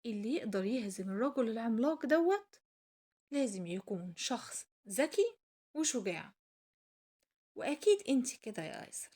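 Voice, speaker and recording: A woman's voice: a little high, very animated, moderate pace, long pauses, mellow. A woman with an Egyptian Arabic accent voicing a tiny, earnest magical boy asking for help in a storybook tale. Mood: earnest, pleading. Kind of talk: storybook character acting.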